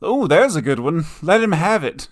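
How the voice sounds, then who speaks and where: A man casually commentating a game he plays, joking and trading in slow, deliberate punchlines. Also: a little high, sing-song, no room sound, studio quality. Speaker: gaming video host. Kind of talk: casual let's-play commentary.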